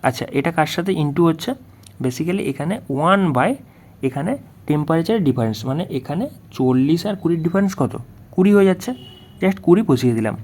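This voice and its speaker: A man with a slightly high voice works through exam questions as a tutor. He explains each step and keeps asking the student what comes next. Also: animated, a little fast, darkish tone. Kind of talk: worked-solution lesson.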